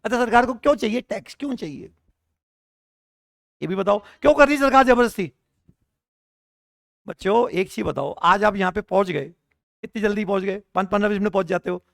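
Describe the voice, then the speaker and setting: A man's voice: high voice, fairly quick, vocal fry, pauses often, no echo, studio quality. A man with a sore throat, lecturing a class on tax and firing rhetorical questions at the students in a joking, argumentative way. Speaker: tax teacher at a coaching class.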